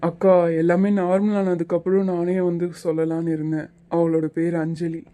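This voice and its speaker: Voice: mid-range voice, completely flat delivery, moderate pace, mellow, natural voice. A performer voicing Arjun, a young man who talks in an earnest, reassuring way, for a cartoon. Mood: pleading. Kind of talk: cartoon voice acting.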